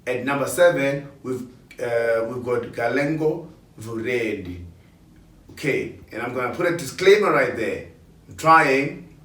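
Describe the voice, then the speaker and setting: A man's voice: mid-range voice, expressive, a little slow, fairly bright tone. A man presenting award nominees in a countdown with an upbeat, hype-style pep talk. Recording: roomy, distant mic.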